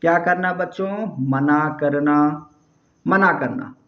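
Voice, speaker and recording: Man teaching lesson, spells out words, quizzes children, slow delivery, echoey dull recording. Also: a little high. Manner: spells words letter by letter and repeats key answers; asks the children questions and answers them himself. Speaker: English teacher. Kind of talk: classroom grammar lesson. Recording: echoey room, dull lo-fi sound.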